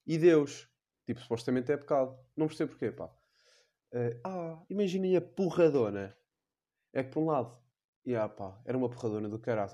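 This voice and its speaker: Slangy young Portuguese comic podcaster. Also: male voice, medium pitch, warm tone. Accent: European Portuguese. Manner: rambling, slangy and crude, lots of filler. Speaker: podcast host. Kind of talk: comedic podcast monologue.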